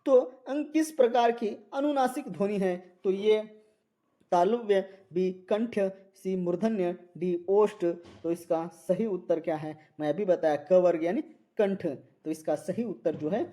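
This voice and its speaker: Brief: male teacher, mellow tone, quiz-style lecture, repeats answers to drill them. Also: high voice, unhurried. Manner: quizzing listeners, repeats each answer. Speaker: Hindi teacher. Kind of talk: exam-prep lecture.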